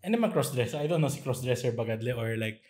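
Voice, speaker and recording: Animated man telling stories. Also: medium pitch, fast talker. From Zamboanga, Philippines. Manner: animated storytelling with playful mimicry. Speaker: podcast co-host. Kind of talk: casual chat.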